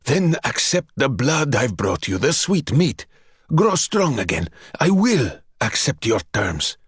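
A man's voice: mid-range voice, very animated, takes it slowly, breathy edge, dry recording, studio quality, exaggerated voice. A man voicing a desperate young man who pleads eagerly and lies to bargain with a vampire. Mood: pleading.

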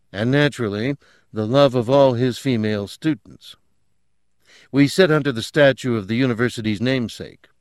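A man narrating an audiobook as the interviewer, in a measured, descriptive way. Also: medium pitch, no room sound, studio quality.

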